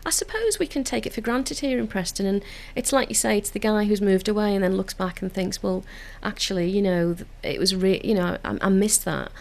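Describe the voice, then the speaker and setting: A council community engagement officer from Liverpool talks about community work in a radio studio interview, earnest and enthusiastic, often restarting with fillers. Her voice sits at medium pitch and is a little fast, creaky and slightly mellow, with few pauses.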